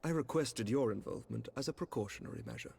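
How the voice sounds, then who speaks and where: An actor playing a courtly, measured knight commander in a fantasy game, with a smooth, snake-like voice. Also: male voice, medium pitch, expressive, a little mellow. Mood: courteous, measured. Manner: formal, deliberate, diplomatic. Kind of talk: fantasy video game acting.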